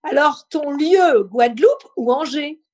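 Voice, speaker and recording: High-pitched woman hosting an informal interview. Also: lively intonation, measured pace, a little mellow. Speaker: interview host. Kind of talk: live online interview, quiz-style questions then conversation.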